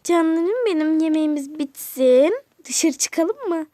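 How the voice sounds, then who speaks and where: A woman's voice: very high voice, lively intonation, a little slow, dark tone, dry recording, studio quality. A woman voicing a kind, caring aunt in a toy game role-play, affectionate and fussing over the children. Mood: fond. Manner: affectionate, fussing, calls everyone dear.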